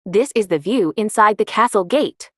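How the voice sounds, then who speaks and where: A woman giving calm, measured, scripted travel narration as a vlogger on a winter hike. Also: medium pitch, no echo, studio quality.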